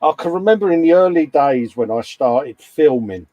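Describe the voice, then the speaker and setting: A man's voice: a little high, expressive, moderate pace, dark tone, no echo. English man, slight scouse hint, rambling stream host, laughs a lot. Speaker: host of a model-building stream. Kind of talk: casual chat.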